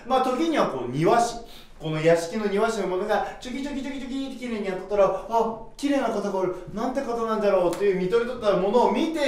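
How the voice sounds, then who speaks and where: A man's voice: sits high, a little hiss or hum. A young man lecturing theatrically to camera as a samurai-persona history host, mixing archaic warrior speech with casual talk, stretching key words for emphasis. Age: young adult. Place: small bare room at a whiteboard. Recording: echoey room, distant microphone.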